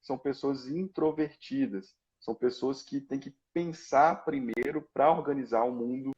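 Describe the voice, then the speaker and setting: A man explains things patiently and step by step in an easy conversational tone. The sound is muffled and lo-fi, as if from a modest home setup. His pitch sits in the middle for a man. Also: darkish tone. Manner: measured, explains step by step with many "né". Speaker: guest expert on temperaments.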